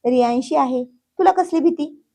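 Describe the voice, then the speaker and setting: A woman's voice: sits high, normal speed, dark tone. A woman voicing an exasperated young man who scolds and teases, still patient underneath. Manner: scolding, teasing.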